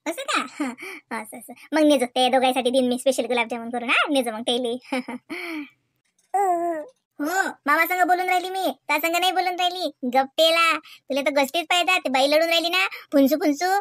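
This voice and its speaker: A woman plays a doting, chatty village mother and elder sister from a comedy cartoon, speaking Marathi with a rural Vidarbha accent. Her very high, bright voice is full of cooing baby talk and affectionate teasing, delivered at a moderate pace. The recording is close and dry.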